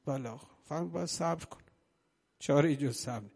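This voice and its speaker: A man preaching a religious sermon, telling sacred stories with passion and rising to loud, slow, emotional peaks. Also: fairly high pitch, creaky, husky, in a large hall. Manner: impassioned, rising to loud emotional peaks, slowing on key phrases.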